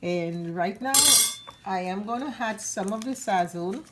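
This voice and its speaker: Cooking show host, woman, slightly sick voice, relaxed chatty delivery, recorded in a noisy home kitchen. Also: medium pitch, measured pace. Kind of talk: casual cooking demonstration. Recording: clattering kitchen noise behind. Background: pots, dishes and cutlery.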